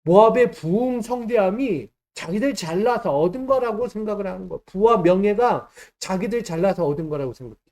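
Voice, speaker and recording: A male pastor preaches with a soft, mellow tone. He drives his points home, posing questions to the congregation and answering them at once. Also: sits high, expressive, fairly quick, few pauses. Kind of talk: sermon.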